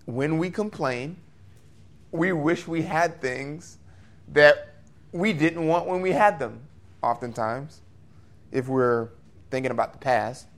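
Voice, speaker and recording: A man preaching an expository sermon in an earnest, conversational way, with lively rises and quick asides. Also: fairly high pitch, gravelly.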